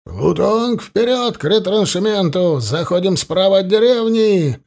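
A man voices a young male officer leading an attack. He shouts his commands, his voice lifted well above his usual pitch and straining with urgency. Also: expressive, normal speed. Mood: shouting orders. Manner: shouting battle orders.

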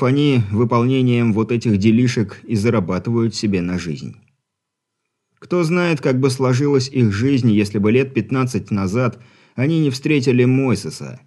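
A man narrating an audiobook with an even, wry storytelling manner. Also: medium pitch. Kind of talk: scripted narration.

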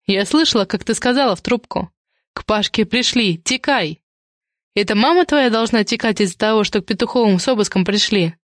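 A woman reading an audiobook and voicing a sharp-tongued, mocking woman who interrogates others. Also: mid-range voice, fairly quick, dry recording, studio quality, natural voice. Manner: snorting, sarcastic, interrogating.

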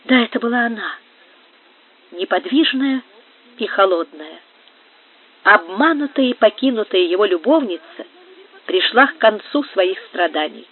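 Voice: medium pitch, lively intonation, a little slow, long pauses, breathy edge. An audiobook reader steadily narrating a novel. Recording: tinny phone-like sound.

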